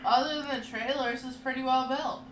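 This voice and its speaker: A woman's voice: high voice, steady tone, fairly quick, a little hiss or hum. A woman chatting casually as a companion on a live stream, in brief interjections.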